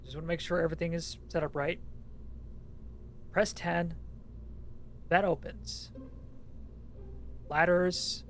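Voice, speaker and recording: A man's voice: fairly high pitch, steady tone, slow pace, pauses often, a bit bright, slight background noise. A man streaming a game with a co-host, casually talking himself through each step and swearing now and then. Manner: narrates each step under his breath, easygoing and swearing.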